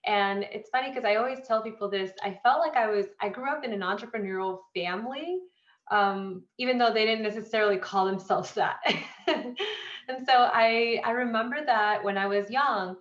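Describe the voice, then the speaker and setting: A woman's voice: fairly high pitch, normal speed. A woman from Mexico, telling her own story as a workshop speaker on a video call, with a few restarts. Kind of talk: personal talk. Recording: echoey, dull video call audio.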